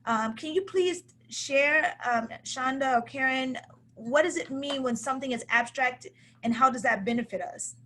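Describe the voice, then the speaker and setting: A woman hosting a livestream conversation, asking her guests questions with soft fillers. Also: high-pitched, normal speed. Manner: interviewer, asks questions gently with fillers. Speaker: host.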